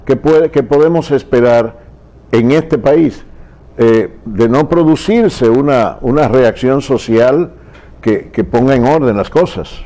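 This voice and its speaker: A man hosting a political TV interview, speaking in a reflective, measured way. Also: mid-range voice, dark tone. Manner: reflective, measured, asks long questions.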